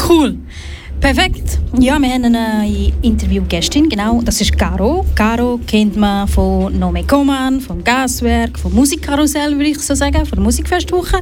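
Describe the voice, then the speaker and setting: A woman's voice: a little high, animated, moderate pace. A woman with a Swiss German accent hosting a radio interview, enthusiastic and full of slang. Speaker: radio host. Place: festival radio container studio. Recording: music playing loudly behind.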